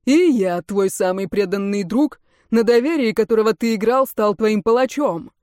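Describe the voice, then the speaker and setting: A woman voicing an enraged male fire mage and father, hurling accusations in raised, slow shouts. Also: mid-range voice, dry recording, studio quality, close to an everyday voice. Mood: accusing.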